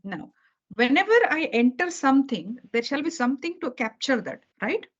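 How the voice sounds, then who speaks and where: Over dull lo-fi video call audio, a woman teaches a beginner programming lesson with a high voice, lively intonation and a moderate pace. She is patient and repetitive, going over key points again and checking understanding with "okay" and "right" after almost every sentence.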